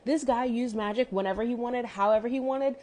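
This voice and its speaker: Woman chatting about a show she watched, kinda high voice, says like a lot, gets exasperated. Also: a little fast, darkish tone. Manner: chatty, many "like" fillers, exasperated asides. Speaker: TV show reviewer. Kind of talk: casual opinionated episode recap.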